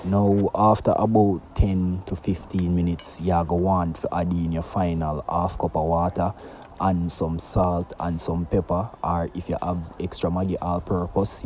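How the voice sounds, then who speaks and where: A man's voice: low voice, dark tone. A Jamaican man hosting a casual cooking tutorial, chatty and patois-tinged, talking straight to his viewers. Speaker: cooking show host.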